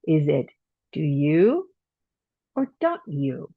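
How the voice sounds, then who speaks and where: A woman teaches an English grammar lesson, patiently explaining and voicing her example sentences. Her voice is husky and sits a little low. The sound is thin and phone-like, with a dry, close feel. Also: very animated, slow, dry recording. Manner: explains patiently with spoken examples and self-corrections. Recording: tinny phone-like audio, dry.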